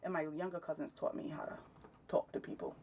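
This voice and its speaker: A woman's voice: low voice, level tone, a little fast, gravelly, darkish tone, recorded from a distance, a little hiss or hum. A woman in her thirties talking candidly and with energy in a casual podcast conversation, often breaking into laughter. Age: 30s. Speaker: podcast guest.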